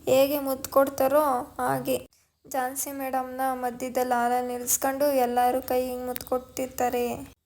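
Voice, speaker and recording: A woman's voice: high voice, completely flat delivery, normal speed, darkish tone. A woman voicing a boastful male sidekick gloating over a plan.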